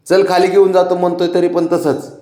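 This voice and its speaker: A man's voice: high-pitched, dark tone, echoey room. A man who coaxes his sulking pet in affectionate baby talk, with chuckles between lines. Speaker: pet owner coaxing his cat. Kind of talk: casual pet vlog talk.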